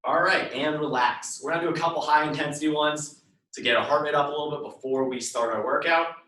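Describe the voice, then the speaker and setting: A man's voice: fairly high pitch, quick pace, pushed and bright, a little hiss or hum. A man leading a workout class as instructor, giving step-by-step cues in short repeated instructions. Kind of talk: live workout instruction and counting down reps. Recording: echoey room, voice far from mic.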